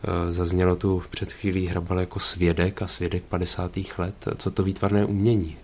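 Deep flat guy hosting a radio culture show, lots of ums. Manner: hesitant, many fillers. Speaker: radio presenter.

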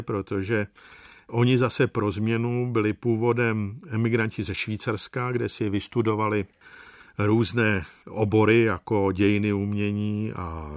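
Low-voiced man telling wry travel anecdotes. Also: no room sound, studio quality. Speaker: storyteller.

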